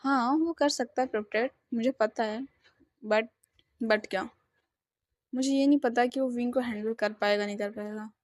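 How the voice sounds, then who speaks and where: A woman reading as a short-tempered older brother, curt and exasperated. The sound is close and dry, a little high. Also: steady tone, normal speed, no echo, close to an everyday voice. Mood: worried.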